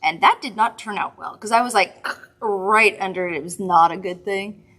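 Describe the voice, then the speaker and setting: A woman's voice: medium pitch, fairly even intonation, normal speed, a bit bright. Woman host, casual makeup demo, chatty and giggly with rambling asides. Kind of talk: casual product demo chat.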